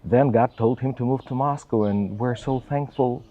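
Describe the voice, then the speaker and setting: In narrow, tinny audio, a middle-aged man from Russia who helps at a church responds to interview questions earnestly, his Russian-accented English carefully phrased and self-taught. He speaks at medium pitch and a normal pace.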